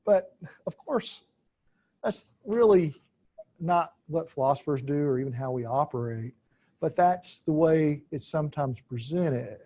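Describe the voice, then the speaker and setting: Man, philosophy lecturer, slightly high voice, unscripted and halting, lots of "uh", repeats points for emphasis. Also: expressive, dark tone. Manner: deliberate, halting with frequent "uh" fillers, repeats key phrases for emphasis.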